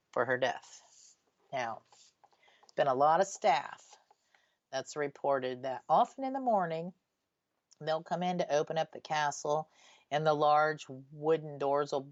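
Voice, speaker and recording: A low-voiced woman hosts ghost radio in a conversational, storytelling way. The recording is close and dry with a slightly dull tone. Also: no room sound. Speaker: radio show host.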